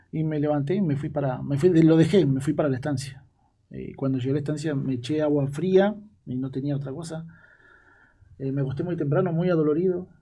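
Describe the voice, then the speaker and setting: A young man telling stories from his years as a ranch hand in an interview, halting and repeating his words. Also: a little high, warm tone. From Argentina. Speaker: guest, former ranch hand. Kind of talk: storytelling interview.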